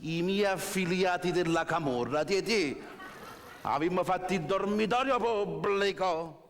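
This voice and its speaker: An actor playing a vain, commanding Neapolitan crime boss, declaiming half in song in a comic musical sketch. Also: male voice, sits high, a little slow, slight background noise. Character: vain, commanding Camorra boss strutting as neighborhood king. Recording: echoey, loud music.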